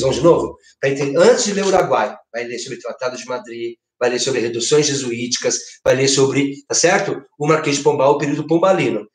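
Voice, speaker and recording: Lively Brazilian teacher in an echoey room. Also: male voice, on the high side. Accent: Brazilian Portuguese. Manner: lively, gesturing, asks frequent tag questions. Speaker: literature teacher. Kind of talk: online exam-prep lesson. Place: home living room with a projected screen.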